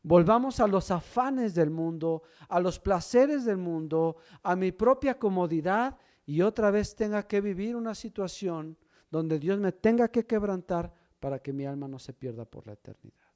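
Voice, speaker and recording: A man preaching a sermon, swinging from loud emphasis to hushed low lines and asking the congregation questions as brothers. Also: expressive, normal speed. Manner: asks the congregation questions, addresses them as brother. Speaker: pastor.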